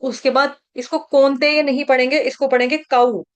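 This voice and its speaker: A woman teaching Sanskrit verse pronunciation, stretching syllables slowly when she chants them and explaining quickly in between. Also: sits high, flat delivery. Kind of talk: slow chanting and pronunciation lesson.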